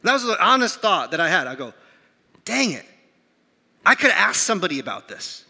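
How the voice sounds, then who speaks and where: A man in his thirties preaching a sermon, telling a self-mocking story in an animated way and acting out the voices. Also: high voice, fast talker, gravelly, breathy edge. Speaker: pastor. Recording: reverberant hall.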